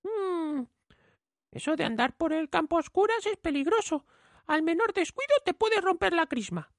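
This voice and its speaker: A man voicing a tiny, cheeky boy in a storybook reading, with a high squeaky childlike voice. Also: expressive, normal speed, no echo, studio quality. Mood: relieved. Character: tiny brave boy Tom Thumb, cheeky.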